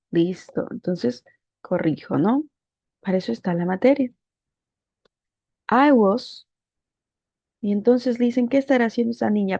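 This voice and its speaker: Woman teacher going over a worksheet, patient, lots of little check questions, gravelly low-key tone, muffled lo-fi sound. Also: dark tone, no room sound. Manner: patient, asks many rhetorical check questions. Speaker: English teacher. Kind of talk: explaining a grammar worksheet.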